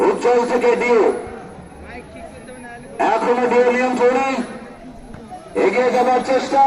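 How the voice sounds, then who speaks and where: High-pitched man calling football, echoing over crowd. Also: background noise. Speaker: football commentator. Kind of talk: live play-by-play football commentary. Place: outdoor football ground. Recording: echoey distant PA, loud crowd.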